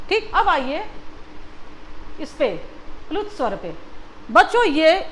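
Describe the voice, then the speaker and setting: A woman's voice: high voice, slight background noise. A woman teacher giving a Hindi lesson to young children, patiently asking and repeating questions. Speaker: school teacher.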